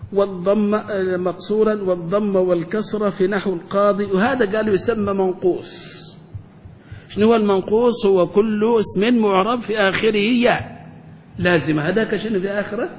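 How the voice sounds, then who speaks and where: High-voiced man teaching grammar in a hall. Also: slightly rough. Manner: quizzes the class with repeated questions, drawn-out example phrases. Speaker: sheikh teaching Arabic grammar. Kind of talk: classroom grammar lesson. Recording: reverberant hall with faint rumble.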